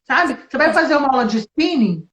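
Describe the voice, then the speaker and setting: A woman English teacher in a relaxed interview, lively and explaining with spoken examples. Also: sits high, brisk. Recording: echoey, dull lo-fi sound.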